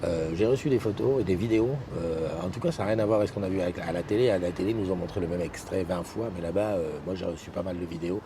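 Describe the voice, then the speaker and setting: A man's voice: sits low, racing, few pauses, noisy background. A man hosting a casual live morning stream, reading out viewer comments and greeting people, hesitant with many fillers and restarts. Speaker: morning show host. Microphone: desk microphone.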